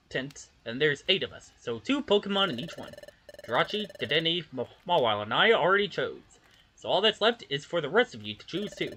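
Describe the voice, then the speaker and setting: A player reading video game dialogue aloud with casual, expressive delivery. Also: mid-range voice, slight background noise.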